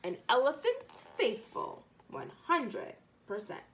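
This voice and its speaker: Faithful, patient bull elephant for a storybook, played by a woman: earnest, emphatic delivery with lively melody. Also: high-pitched, a little hiss or hum, heavily acted, rough recording. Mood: steadfast. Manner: earnest, emphatic, measured declarations.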